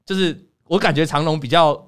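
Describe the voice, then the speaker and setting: A man hosting a casual chat, telling stories in an animated way and acting out scenes. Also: a little high, brisk, smooth. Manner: animated storyteller, acts out scenes. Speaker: podcast host.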